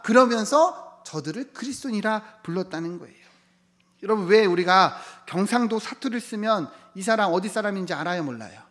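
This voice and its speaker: A male pastor preaching a sermon, asking the congregation many rhetorical questions and sometimes dropping to a hushed whisper for emphasis. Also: high voice.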